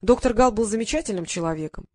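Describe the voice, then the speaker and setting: A woman voicing a chatty young female aide who talks nonstop and loudly. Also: mid-range voice, lively intonation, fast, no echo, studio quality, natural voice. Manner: chatty, loud.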